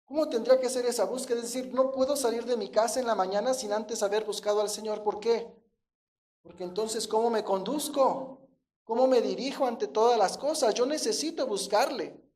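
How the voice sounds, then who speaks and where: A man's voice: very high voice, fairly quick, a little mellow. A man preaching a sermon, questioning the congregation and answering himself in a conversational teaching tone. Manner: asks the congregation questions and answers them, often adding a checking "¿verdad?"; illustrates with everyday examples in a conversational teaching tone.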